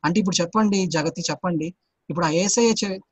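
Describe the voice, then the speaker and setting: A man's voice: sits high, fast talker, breathy edge, dry recording, highs cut off. A man teaching a Sunday school Bible lesson to children, constantly quizzing them with repeated questions.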